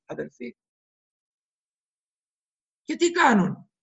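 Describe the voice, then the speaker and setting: A man's voice: extremely high pitch, vocal fry, fairly bright tone. A man preaching a sermon, impassioned and acting out the voices he quotes.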